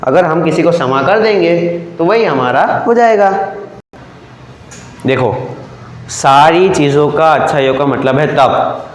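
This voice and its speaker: A young man with a Gujarati accent, teaching a class and often repeating himself with quick "क्या?" checks. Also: on the high side, lively intonation, reverberant, rough recording. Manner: repetitive, keeps asking the class "क्या?" then repeats the answer. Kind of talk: classroom lecture explaining a chapter.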